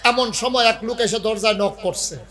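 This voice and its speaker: A man preaching a sermon. He acts out dialogue in rustic dialect, then builds to shouting exhortation. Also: high voice, moderate pace, noisy background. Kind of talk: sermon with storytelling.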